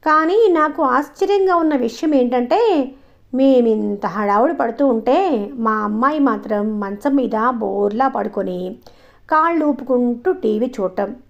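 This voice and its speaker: A woman narrates a first-person audio story in an expressive, conversational reading. Her voice is a little high-pitched. The recording sounds slightly dull and lo-fi. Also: measured pace, creaky.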